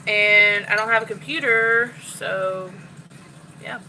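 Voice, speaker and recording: Woman, candid cooking vlog chatter, bright voice, faint kitchen noise. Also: mid-range voice, fairly even intonation, slow pace, low-quality recording. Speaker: cooking vlogger. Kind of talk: casual chat while cooking. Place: home kitchen.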